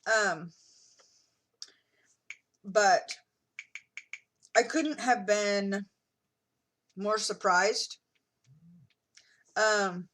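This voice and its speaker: A woman's voice: mid-range voice, fairly bright tone. A middle-aged woman chatting casually in a video diary, with many fillers and restarts, sometimes talking while she eats. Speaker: vlogger.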